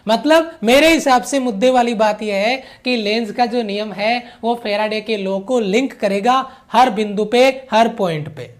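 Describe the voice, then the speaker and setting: A man with a rather high voice teaches physics in an online class. He repeats key phrases, slips English technical terms into his explanation and keeps asking his students whether it is clear so far. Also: unhurried, few pauses.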